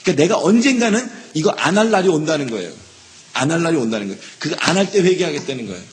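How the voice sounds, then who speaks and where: A man's voice: on the high side, very animated, racing, a little hiss or hum. A man preaching a sermon as pastor, repeating key words, asking the congregation questions and acting out quoted excuses in shifting voices. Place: church sanctuary.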